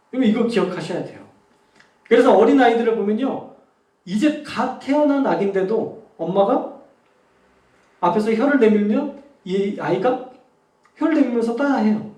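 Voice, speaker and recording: A man preaching a sermon as a pastor, talking in an animated way and acting out different tones of voice. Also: high-pitched, echoey room, far from the mic. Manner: animated preaching with spoken demonstrations of tone.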